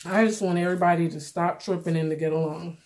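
A middle-aged woman giving casual, plainspoken vlog commentary while eating, pausing for bites and repeating phrases for emphasis. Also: lowish voice, steady tone, a little mellow. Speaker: vlogger. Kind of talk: casual mukbang commentary chat.

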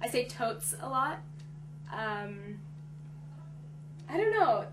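A young actress in a relaxed interview, her fairly high voice picked up from a distant mic. She rambles in a chatty, giggly way and leans on "like" a lot. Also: slow pace, background noise. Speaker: actress on a teen drama. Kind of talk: casual interview chat.

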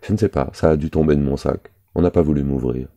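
A man's voice: a bass voice, fast, warm tone. A man reading aloud the lines of a jealous, capricious young woman, voicing her with little change from his own voice.

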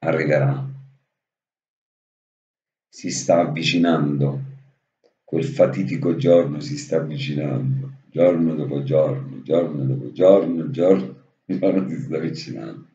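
A man talks in a casual, heartfelt monologue, circling back to the same words and dropping the odd swear. His voice sits very low and dark. The recording is dull and lo-fi, with a roomy echo. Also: animated, slow, pauses often. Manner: affectionate, repetitive, swears casually. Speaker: vlogger speaking to his absent brother. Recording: dull lo-fi audio in an echoey room.

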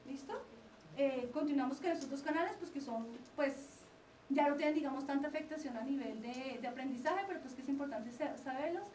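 A high-voiced woman lectures at a quick clip, explaining each point and checking that her listeners follow along. The recording is roomy and picked up from a distance in a lecture room. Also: darkish tone, slight background noise. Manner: explanatory, often checks in with the audience. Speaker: lecturer on child development. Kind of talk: lecture to parents and teachers.

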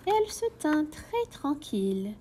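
A woman reading a children's storybook aloud in a gentle, expressive way. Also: high-pitched, unhurried.

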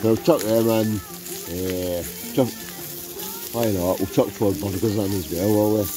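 Recorded roughly outdoors by a campfire, a Scottish vlogger cheerily addresses viewers as he cooks at night for a casual camping video. His lowish voice stays steady and unhurried, with music and sizzling food in the background.

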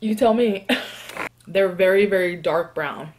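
A young woman from New York doing a casual eating vlog. She answers tag questions and hums between bites in a relaxed, chatty way. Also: medium pitch, slow pace, a little hiss or hum. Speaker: mukbang vlogger.

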